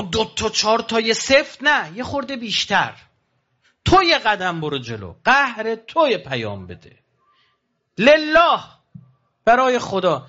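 Over dull audio, a man with a sharp tone preaches with great passion to pilgrims. He leans on rhetorical questions and keeps throwing his voice sharply upward and then down again.

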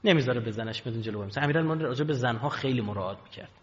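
Male preacher, emotive sermon storytelling, long hall echo, muffled lo-fi sound. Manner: emotive storytelling, dramatic swings in pitch and loudness. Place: hall with pulpit.

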